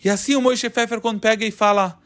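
High-voiced man telling a children's story. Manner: animated, dramatic pauses.

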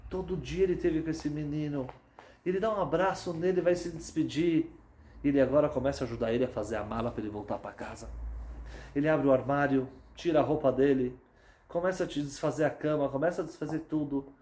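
A man, telling a sermon story dramatically, dropping low and soft, then building to loud outbursts. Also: brisk, echoey room. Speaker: religious speaker.

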